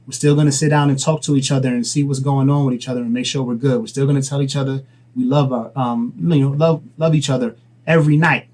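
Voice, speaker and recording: A man's voice: mid-range voice, flat delivery, quick pace, darkish tone. A young adult man, a father and vlogger, giving casual advice in an earnest, rambling way. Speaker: dad vlogger and entrepreneur.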